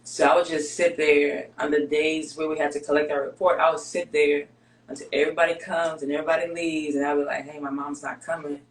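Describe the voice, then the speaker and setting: This low-sitting female voice comes through a low-quality, reverberant recording with a little hiss or hum. The speaker, a Greek-born basketball player who grew up in Greece speaking Greek natively, is a guest in an interview. Her account of her life is frank, even, and paced with pauses.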